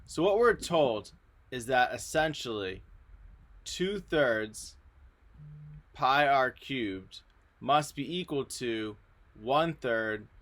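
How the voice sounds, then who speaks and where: A man's voice: mid-range voice, fairly bright tone. A male math teacher talking through a recorded video lesson in a friendly, explanatory way.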